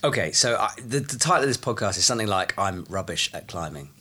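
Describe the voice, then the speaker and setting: Male podcast host, wry and chatty, lower register with a bright edge and light gravel. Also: animated, quick pace. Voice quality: slightly gravelly. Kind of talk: casual chat.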